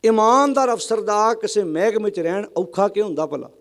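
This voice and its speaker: A man delivers a sermon in a high voice to a congregation. He presses his points with rhetorical questions and calls on the listeners to answer aloud. He slows down to chant lines of scripture. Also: fairly bright tone. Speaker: Sikh religious preacher.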